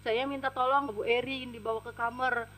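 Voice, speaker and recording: Woman, domestic worker, personal testimony, step-by-step recounting, fairly high voice. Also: steady tone, moderate pace, fairly bright tone, slight background noise, poor audio.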